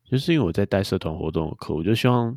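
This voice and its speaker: Brief: young man, deep dark voice, quick casual podcast chatter, dry close mic. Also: expressive, no echo. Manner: chatty storyteller. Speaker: podcast co-host. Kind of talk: casual chat.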